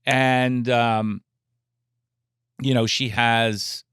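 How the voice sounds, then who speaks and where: A man's voice: medium pitch, flat delivery, drawn-out words, a bit bright, clear, resonant tone, no room sound, studio quality. A man co-hosting a podcast in casual chat, rambling, with many restarts and jokes. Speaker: podcast co-host. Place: podcast studio.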